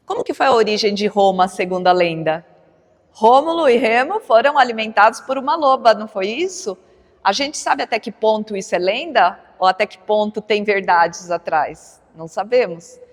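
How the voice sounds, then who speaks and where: A middle-aged woman gives a chatty, informal spiritist lecture to an audience, often adding tag questions. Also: medium pitch. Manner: chatty, frequent tag questions, laughs along. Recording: long hall reverb.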